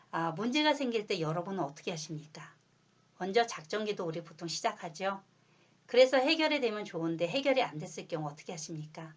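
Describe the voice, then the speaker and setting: A woman preaching a practice sermon, asking her listeners questions and building tension before dropping to a quiet hush. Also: mid-range voice. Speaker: preacher in training.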